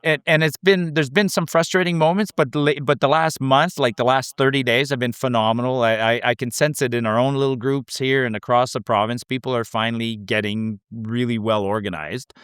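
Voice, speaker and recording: A man telling a casual story as a guest canvasser, animated, with many restarts and repeated words. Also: mid-range voice, a little fast, hardly any pauses, clean tone, no echo, clean studio sound. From Canada. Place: rural Alberta.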